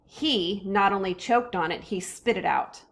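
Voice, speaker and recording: Woman, storybook reading, expressive, medium pitch. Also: measured pace. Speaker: reader. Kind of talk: reading a children's book aloud.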